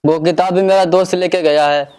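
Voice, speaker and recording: A man's voice: sits high, fairly even intonation, brisk, darkish tone, clean tone, lightly acted. A man playing a cheeky schoolboy who talks back to the adults.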